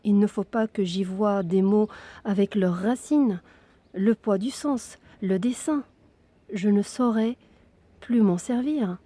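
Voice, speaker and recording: A woman reads a literary passage aloud in a warm, mellow voice, taking her time over every phrase. Her delivery is intimate and hushed, sometimes sinking to a bare whisper, with long, deliberate pauses. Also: medium pitch. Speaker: reader of a literary text. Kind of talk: expressive literary reading.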